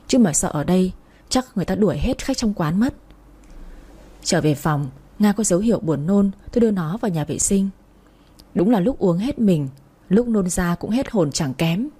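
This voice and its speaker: A woman telling a first-person story aloud in a blunt, wry manner. Her voice is warm and mellow with a breathy, slightly husky texture. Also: mid-range voice. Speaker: narrator.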